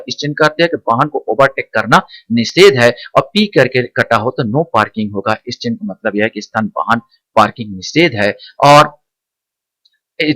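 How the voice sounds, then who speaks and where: A male teacher giving an exam-prep lecture, explaining slowly and repeating key points as he quizzes the listener. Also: medium pitch, bright, forceful tone, dry recording. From India.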